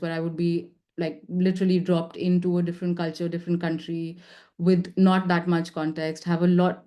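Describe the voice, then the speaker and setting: A young woman presenting her work at a seminar, talking fast with lots of fillers and restarts. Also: on the low side, dark tone. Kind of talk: academic presentation.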